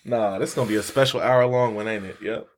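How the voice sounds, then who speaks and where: A man's voice: fairly low pitch, fast talker. A man co-hosting a casual podcast chat, telling stories in a loose, profane way. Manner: animated, profane storytelling. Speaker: podcast co-host.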